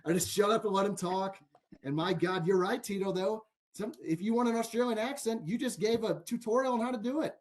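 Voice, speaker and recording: A man with a fairly high voice co-hosts a sports betting podcast. He chats loosely, laughs often, and leans on filler words. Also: a little fast. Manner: chatty, laughs easily, full of fillers like "like". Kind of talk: casual podcast chat.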